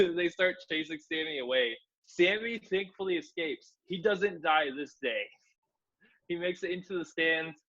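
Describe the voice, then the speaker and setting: A man with a voice on the high side, pushed and bright, takes his time recapping wrestling action as co-host of a laid-back review podcast. He laughs often and doesn't hold back on profanity, though the recording sounds muffled.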